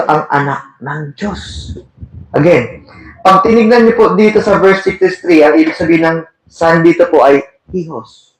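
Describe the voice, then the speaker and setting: A man preaching a sermon, reading verses and asking his listeners questions, mixing English terms into his talk. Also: on the high side. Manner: asks the audience questions, switches between Tagalog and English terms. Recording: echoey room.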